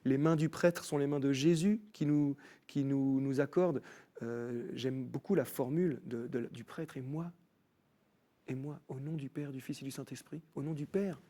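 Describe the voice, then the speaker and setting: Man, TV studio guest, faith testimony, animated, restarts often. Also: mid-range voice, moderate pace. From France. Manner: animated storytelling, many restarts. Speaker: guest musician.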